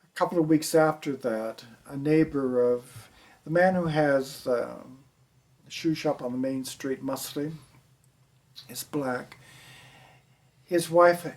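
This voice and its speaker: Older American man, documentary interviewee, plainspoken storyteller, soft trailing endings. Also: mid-range voice, fairly even intonation, a little slow. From United States. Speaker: teacher.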